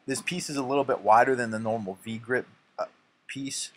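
A man's voice: mid-range voice, brisk, slight background noise. A young man casually narrating his own workout, giving instructive tips with a self-mocking streak.

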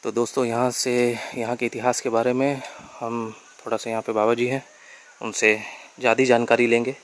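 A man's voice: mid-range voice, little pitch movement, moderate pace. A young man, a travel vlogger walking outdoors through a temple site and talking to his viewers, mixing in English words. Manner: friendly, addresses viewers as friends, mixes English words. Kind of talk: travel vlog narration. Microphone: handheld camera mic.

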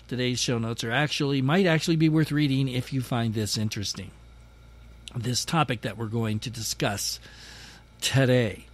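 A man hosting a podcast in a casual monologue, chatty and self-deprecating with a dry, sarcastic humor. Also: mid-range voice. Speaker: podcast host.

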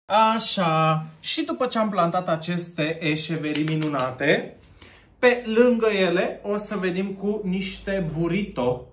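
A man in his thirties hosting a playful pretend cooking show, laughing a lot and stretching out his gushing praise. His voice sits a little high for a man. He is recorded by a camera a few feet away in an echoey room at home. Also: lively intonation, fairly bright tone. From Romania. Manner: jokey, laughs often, drawn-out gushing words; busy with his hands while talking. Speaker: host of a plant arranging show. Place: home room with plant wallpaper.

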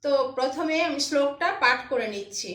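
A woman's voice: high voice, fairly quick, fairly bright tone. A woman teaching recitation of a sacred verse, spelling out pronunciation patiently syllable by syllable and chanting the lines. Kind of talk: slow recitation lesson with chanting. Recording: echoey room, voice far from the mic.

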